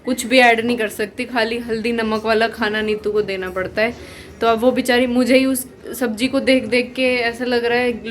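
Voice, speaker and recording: A woman's voice: fairly high pitch, slight background noise. Chatty young woman vlogging at home. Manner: chatty, teasing, laughs often. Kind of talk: casual family vlog chat. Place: family home, indoors.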